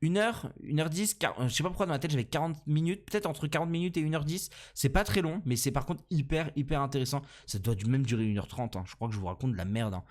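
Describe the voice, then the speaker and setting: A man's voice: a little high, fast, few pauses. Rambling young French man podcasting. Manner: rambling and self-deprecating, many fillers and restarts. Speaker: podcast host. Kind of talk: casual solo podcast commentary.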